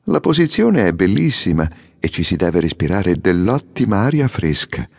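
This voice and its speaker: A man's voice: low-pitched, big pitch swings, moderate pace, creaky, darkish tone, breathy edge, full character voice. A man voicing a fussy young male swallow, proud and complaining, in an audiobook fairy tale. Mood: self-satisfied. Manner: peevish, exclaiming. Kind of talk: audiobook character reading.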